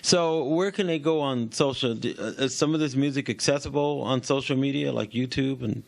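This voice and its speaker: A man's voice: medium pitch, fairly quick, gravelly. A man hosting a radio interview in a casual, chatty, rambling way with a jokey streak. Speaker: radio show host.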